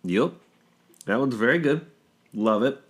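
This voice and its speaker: A man's voice: medium pitch, lively intonation, measured pace, a bit bright, slightly rough. A man in his thirties hosting a podcast in casual, rambling chat, stuffed up from a cold. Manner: rambling, jokey, lots of fillers. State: congested from a cold. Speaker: podcast host.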